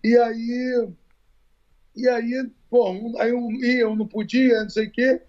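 High-voiced Brazilian fighter telling stories. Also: male voice, measured pace, highs cut off. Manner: animated, swears often, repeats words, stumbling restarts. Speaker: retired fighter, guest. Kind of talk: casual storytelling interview.

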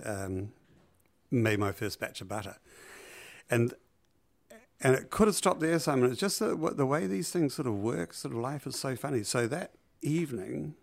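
A man with a New Zealand accent, telling his business story in a relaxed interview, with many ums and restarts. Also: fairly low pitch, creaky, dry recording. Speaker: business founder guest.

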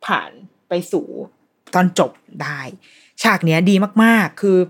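Woman host, casual solo review, lower-pitched voice, chatty and animated with restarts. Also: measured pace. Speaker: podcast host reviewing a series.

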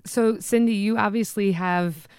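A woman's voice: medium pitch, fairly even intonation, a little slow, a little mellow, clean tone, no room sound, studio quality. A woman hosting an interview podcast, introducing and questioning a guest in a conversational style. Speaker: podcast host.

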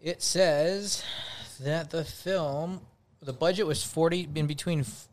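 A man's voice: fairly high pitch, slow pace. Joking man telling a story. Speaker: podcast co-host. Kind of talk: casual chat.

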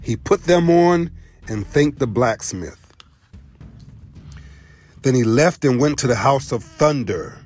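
Slow, expressive male storyteller. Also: medium pitch, faint music behind. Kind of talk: storybook narration.

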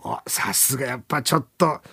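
A man's voice: medium pitch, lively intonation, a little fast, gravelly, bright, forceful tone, slightly rough. A man hosting a radio after-talk, chatting casually and rambling with laughs between lines. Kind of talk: casual chat.

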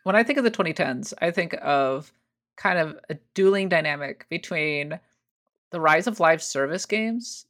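A podcast co-host explaining points in a measured, conversational way. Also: medium pitch, fairly bright tone. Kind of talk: casual panel discussion.

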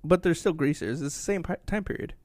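A man's voice: on the high side, fast talker, darkish tone, no room sound. A young man co-hosting a podcast, rambling casually with many fillers and wrapping up the episode. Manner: rambling, lots of fillers and likes, wraps up the show. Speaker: podcast co-host. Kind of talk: casual chat.

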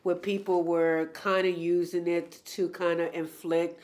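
A woman in her sixties from New York City, an artist talking as a guest in a casual interview, halting and searching for words. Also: on the low side, level tone, darkish tone. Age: 60s.

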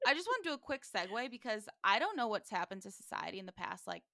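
A woman's voice: medium pitch, very animated, fast, vocal fry, bright, forceful tone, no echo, clean studio sound. A young woman co-hosting a casual rewatch podcast, recapping scenes and joking crudely. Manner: recaps the plot with acted-out quotes, crude jokes. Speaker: podcast co-host.

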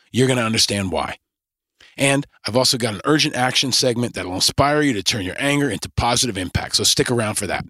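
A man's voice: medium pitch, pushed and bright, dry recording, clean studio sound. A man hosting a podcast, delivering a scripted monologue in punchy, rallying lists. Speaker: podcast host.

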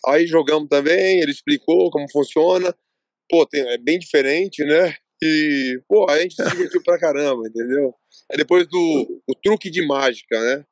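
A man from Brazil chats as a podcast guest, his voice sitting a little high for a man. He rambles through stories and voices the back-and-forth of each exchange. The recording is dry and close, with no room sound. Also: moderate pace, no echo. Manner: rambling storytelling, acts out quoted dialogue. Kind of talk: casual interview chat.

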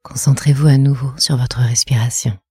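A woman leading a guided meditation in a soft, half-whispered, measured voice. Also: a bass voice, fairly even intonation, breathy edge, no echo.

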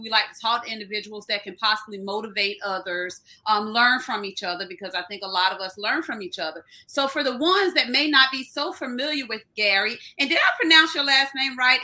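A woman's voice: on the high side, sharp tone. A woman hosting an interview show, upbeat and friendly in her questions. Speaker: host. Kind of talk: interview host.

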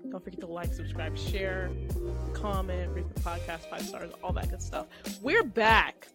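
A woman's voice: on the low side, measured pace, music in the background. A woman hosting a casual podcast, recapping episodes, often laughing and restarting her phrases. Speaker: podcast host.

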